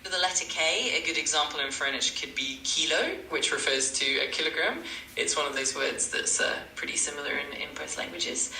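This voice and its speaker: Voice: mid-range voice, brisk, bright, forceful tone, echoey room, recorded from a distance, slight background noise, low-quality recording. A synthetic AI language tutor voice, polite and eager to please, repeating stock phrases. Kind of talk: chatbot tutoring replies.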